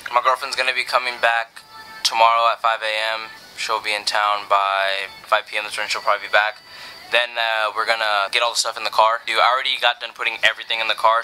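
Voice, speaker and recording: A man's voice: fairly low pitch, bright, forceful tone, rough recording. A young man giving a laid-back, rambling vlog update to a camera close in front of him. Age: young adult. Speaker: vlogger. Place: small bedroom in daylight, indoors. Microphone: camera at close range.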